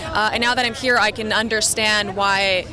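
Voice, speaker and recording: A woman's voice: mid-range voice, fairly even intonation, moderate pace. A woman, an actress and TV host from Spain, chatting at length and teasing herself in a red carpet interview outdoors. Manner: chatty, rambling, self-deprecating. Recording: busy crowd chatter outdoors.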